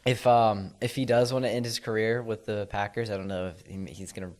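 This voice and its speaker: A young man with a fairly low voice chats casually about football. He gives opinionated hot takes but hedges a lot with "I think" and "I don't know.". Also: fairly even intonation, fairly quick, a little mellow. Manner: offers opinionated hot takes, hedging often. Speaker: co-host. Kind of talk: casual sports chat.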